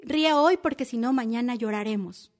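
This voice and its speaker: A woman hosts a motivational podcast. Her voice sits high, and she speaks intimately to the listener, often turning her points into direct questions. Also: moderate pace. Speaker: podcast host.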